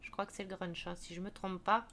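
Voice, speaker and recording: A woman's voice: medium pitch, flat delivery, fairly quick, pushed and bright. A woman casually walking viewers through a craft shop's products, chatty with many fillers and restarts. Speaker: craft video creator.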